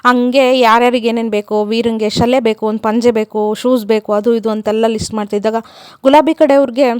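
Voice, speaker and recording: A woman casually retelling a TV serial episode, chatting quickly and acting out the characters' quoted lines. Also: fairly high pitch, steady tone, smooth, dry recording, studio quality. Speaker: serial recap vlogger.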